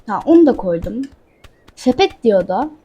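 A woman with a high, airy voice gives casual let's-play commentary, chatting to her viewers as she plays. Her tone is soft and a little breathy. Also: big pitch swings, moderate pace, dull audio. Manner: chatty, talks to viewers and the game character. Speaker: gaming channel host.

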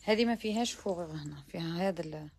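A woman with an Algerian Arabic accent walks viewers through abayas in a chatty live shopping try-on, praising each garment, mixing in French words and at times dropping to almost a whisper. Her voice is on the low side and darkish, she talks very fast, and there's a little hiss or hum in the recording.

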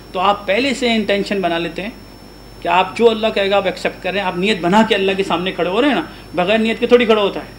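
A man delivers a religious lesson in a fairly high voice, often turning to his listeners with questions. English words slip into his talk. Faint noise sits under the recording. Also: a bit bright, rough recording. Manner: asks the audience frequent questions; chants prayer verses aloud. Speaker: Quran teacher. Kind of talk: religious lecture.

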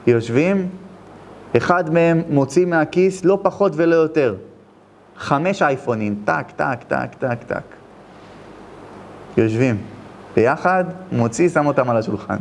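A man, a rabbi, giving a sermon full of storytelling, shifting between hushed narration and loud exclamations. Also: on the high side, slight background noise. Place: lecture at an event.

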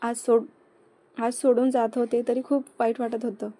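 A woman's voice: on the high side, level tone, moderate pace, dark tone, lightly acted. A woman voicing a cheerful, newly married young woman chatting with her friend in a storybook reading.

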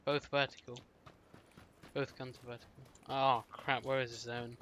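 A man's voice: mid-range voice, flat delivery, normal speed, a bit bright. A man chatting casually while playing a game, muttering to himself as he loots. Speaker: player.

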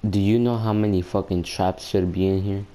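A young man recording gameplay for his video channel, chatting casually with a friend, excitable and full of slangy trash talk and swearing. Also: low voice, moderate pace. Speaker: gameplay YouTuber.

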